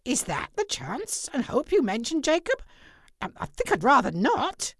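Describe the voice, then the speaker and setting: A woman voicing a frightened old miser who pleads in a high, shaky voice. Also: huge pitch swings, normal speed, echoey room, full character voice. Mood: terrified.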